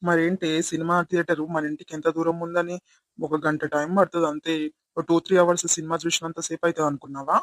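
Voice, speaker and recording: A man voicing a puzzled, soft-hearted young husband in a village comedy skit, fretting aloud. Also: a little high, little pitch movement, quick pace, dry recording, lightly acted, poor audio. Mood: casual.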